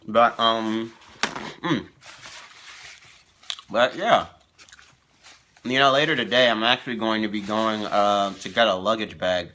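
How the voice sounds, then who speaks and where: A man's voice: lowish voice, fairly even intonation, slow, pauses often, bright, forceful tone, a little hiss or hum. A young man hosting a casual live stream for his gaming channel, rambling with lots of fillers and repeating himself. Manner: eating while talking.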